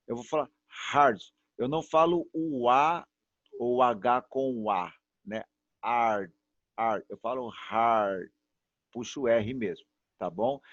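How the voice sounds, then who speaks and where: A man's voice: a little high, no room sound. Patient man teaching over a video call. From Brazil. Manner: patient, repetitive, drawn-out demonstrations. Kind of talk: online class pronunciation lesson. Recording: dull, muffled sound, dry.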